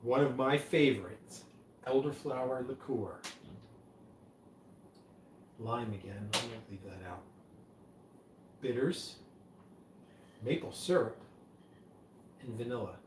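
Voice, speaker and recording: A man hosting a casual live stream, dry and a little hesitant, with gentle teasing. His voice sits at an ordinary pitch. It is caught from across a reverberant room over a faint background hum. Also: slow pace, long pauses. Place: pub room. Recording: roomy and distant, faint noise.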